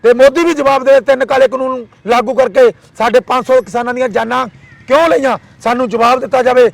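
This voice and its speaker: A man's voice: extremely high pitch, steady tone, vocal fry, no room sound. A man giving an impassioned interview, firing off rhetorical questions and repeated demands. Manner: fiery, rhetorical, repeats demands in rapid lists.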